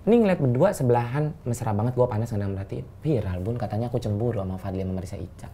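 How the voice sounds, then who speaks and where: A woman hosting a talk show in casual, joking chat, animated and teasing, often acting out quoted dialogue. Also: a bass voice, rapid-fire, a little hiss or hum. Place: studio.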